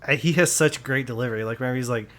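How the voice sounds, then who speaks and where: A man's voice: medium pitch, racing, fairly bright tone. Laughing, enthusiastic male podcast host. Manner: enthusiastic, laughs often, restarts sentences. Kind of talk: casual film review chat.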